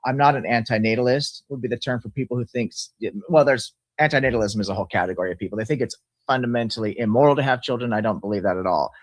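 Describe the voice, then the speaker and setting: Fifties man, quick and earnest, rambling host in casual talk, dry close sound. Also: medium pitch, no echo. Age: 50s. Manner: earnest, rambling, explains with laughs. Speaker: channel host. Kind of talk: casual discussion.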